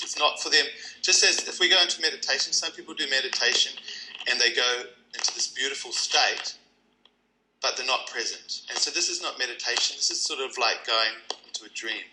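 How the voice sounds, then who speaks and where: A man's voice: mid-range voice, sharp tone, slight background noise, rough recording. A man from New Zealand with a New Zealand accent, answering interview questions thoughtfully, with many ums and restarts. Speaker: kirtan teacher.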